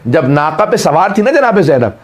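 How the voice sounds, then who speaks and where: This preacher has a fairly high, sing-song voice and keeps a moderate pace. He tells a mourning story with deep feeling, often calling his audience brother throughout the emotional sermon.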